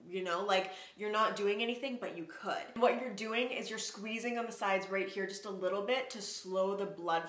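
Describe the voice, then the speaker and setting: A woman in her twenties vlogs about sex education, speaking frankly and casually with plenty of "like" fillers. Her medium-pitched voice is a bit bright, and the recording has a roomy echo.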